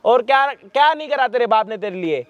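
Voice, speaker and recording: Male host, high-pitched, harsh and rebuking, swears a lot in a staged confrontation. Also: lively intonation, a little fast, highs cut off. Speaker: vlog host confronting a son.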